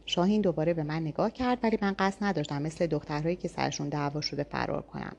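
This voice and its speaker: A woman narrating a first-person audiobook story in a calm, even reading voice. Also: low voice, creaky, lo-fi sound, slight background noise.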